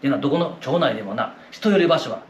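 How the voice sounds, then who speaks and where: A man voicing a sharp-tongued, exasperated Osaka wife who scolds and nags her husband, with an Osaka accent. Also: medium pitch, lively intonation, fast talker, a little hiss or hum, voice pushed down, lightly acted. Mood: bossy. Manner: scolding, nagging. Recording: roomy echoey room.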